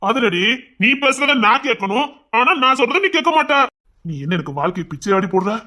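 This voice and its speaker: A man's voice: very high-pitched, expressive, a little fast, sharp tone, heavily acted. An actor playing a hot-tempered young husband who scolds his wife harshly, in a serial-style drama. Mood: angry.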